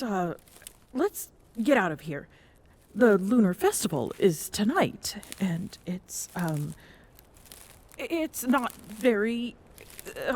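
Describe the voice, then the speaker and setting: Taking the role of a tender, wistful and guarded Amazonian queen in intimate ASMR roleplay, a woman speaks softly and pensively, often almost in a breathy whisper. Her medium-pitched delivery is heavily acted and comes across as flustered.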